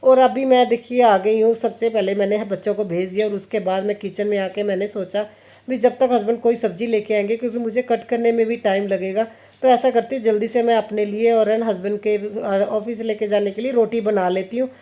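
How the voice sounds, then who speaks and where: Her voice is medium-pitched, warm and steady, and she speaks briskly. This home vlogger and mother, an Indian woman in her thirties, chats casually about family life and her kitchen routine while working, laughing frequently and quoting family talk.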